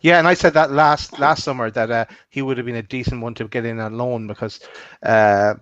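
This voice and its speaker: A man's voice: mid-range voice, steady tone, fairly quick, fairly bright tone, smooth, no room sound. A man with a west of Ireland accent chats casually about football as a panellist. He is hesitant and doubles back on words. The sound is dry and somewhat muffled, as on a lo-fi call. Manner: hesitant, repeats words as he goes. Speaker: panellist on a football fan show. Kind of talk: casual chat.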